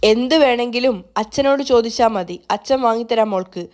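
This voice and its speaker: A woman voicing a gentle, doting young father. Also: on the high side, normal speed, close to an everyday voice. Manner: gentle, coaxing.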